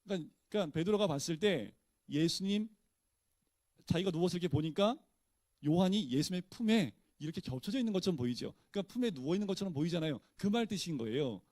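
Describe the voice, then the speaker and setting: Pastor teaching, higher-pitched man, dry sound. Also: lively intonation, quick pace, a little mellow, no room sound. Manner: asks the listeners rhetorical questions and answers them; casual, conversational teaching tone. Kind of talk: Bible study teaching.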